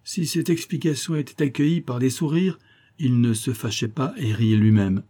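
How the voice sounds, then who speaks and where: A man narrating a classic novel in a measured, even storytelling manner. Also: medium pitch, breathy edge. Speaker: audiobook narrator.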